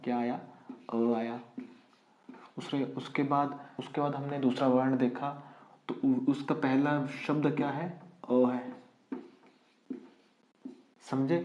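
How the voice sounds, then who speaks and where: Male teacher quizzing his class, roomy. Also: mid-range voice. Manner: explains step by step, asking and answering his own questions. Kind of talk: online exam-prep lesson. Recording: dull, roomy lo-fi recording.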